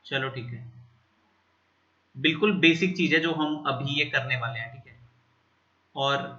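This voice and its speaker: A man's voice: mid-range voice, unhurried, pushed and bright, muffled recording. A man teaching a maths lesson at a board, going through steps and checking in with students often.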